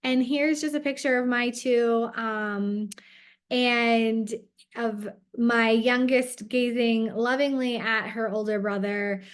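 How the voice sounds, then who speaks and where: A woman's voice: fairly high pitch, fairly even intonation, slow pace, clean tone. A woman in her thirties giving a conversational parent workshop, with many filler sounds as she explains.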